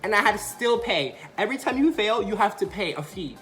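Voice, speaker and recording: A man's voice: high voice, a little fast, roomy sound. A young man vlogger telling a story casually, acting out the quotes with energy. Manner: animated, acts out quotes.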